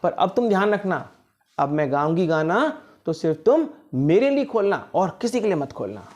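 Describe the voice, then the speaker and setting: A man putting on a high-voiced anxious mother goat. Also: very animated, normal speed, darkish tone. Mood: worried scolding. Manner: high sing-song calling, scolding tenderly. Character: loving worried mother goat.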